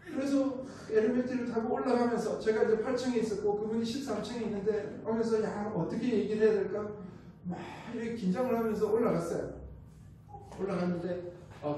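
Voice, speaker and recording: A man's voice: high-pitched, fairly quick, warm tone, a little hiss or hum. A man from the Gyeongsang region with a Gyeongsang accent, a missionary preaching a sermon and telling his story with rhetorical questions and acted-out quotes. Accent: Gyeongsang Korean. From Gyeongsang region, South Korea. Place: church sanctuary. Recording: echoey church hall, mic at a distance.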